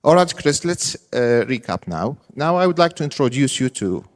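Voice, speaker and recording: A man giving a live conference talk in halting, informal short phrases. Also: mid-range voice, big pitch swings. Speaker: conference speaker, assistant professor. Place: large conference hall with audience. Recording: reverberant large hall sound system.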